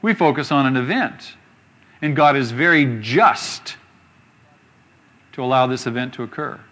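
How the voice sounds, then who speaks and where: A man preaching a sermon, reading scripture slowly and asking rhetorical questions with emphasis. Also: mid-range voice, lively intonation, a bit bright.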